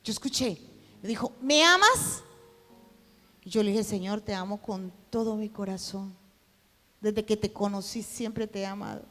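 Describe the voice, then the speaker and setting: A woman preaching, telling a personal testimony and acting out the dialogue in it, at times rising to a shout. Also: mid-range voice, level tone, moderate pace, long reverb tail, soft background music. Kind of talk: sermon testimony.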